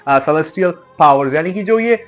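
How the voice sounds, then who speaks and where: Young man explaining scripture, slightly high voice. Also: animated, slow pace, a bit bright. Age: young adult. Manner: restates each point in simpler words, mixes in English terms. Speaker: religious video presenter. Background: faint background music.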